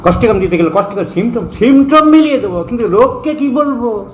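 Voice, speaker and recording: A man's voice: very high voice, animated, brisk, roomy sound, a little hiss or hum, low-quality recording. A man from India, a homeopathic doctor, giving an emphatic, scolding lecture and slipping English medical terms into his talk. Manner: emphatic, scolding, repeats phrases for stress; mixes English terms into speech.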